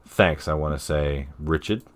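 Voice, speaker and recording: A man streaming a dating game, reading its dialogue aloud with playful, jokey commentary and quick character voices. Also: a bass voice, a little hiss or hum. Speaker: streamer playing a dating sim.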